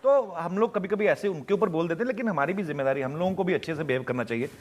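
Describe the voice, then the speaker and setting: A young man from Punjab, telling animated anecdotes as an interview guest and acting out the people in them. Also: a little high, fast. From Punjab, India. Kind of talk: storytelling answers in a TV interview.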